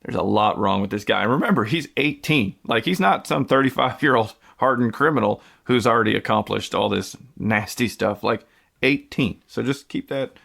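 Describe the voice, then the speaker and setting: A man's voice: on the low side, moderate pace, vocal fry, a bit bright. A man from the US hosting a podcast, telling a true-crime story in a casual, conversational way with many fillers and restarts. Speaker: podcast host.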